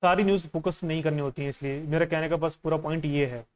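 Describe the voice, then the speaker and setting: A man's voice: on the high side, steady tone, quick pace. A man coaching exam students in a casual lesson, talking the listener through a newspaper in a conversational, instructive way and mixing in English phrases. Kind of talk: casual teaching while going through a newspaper.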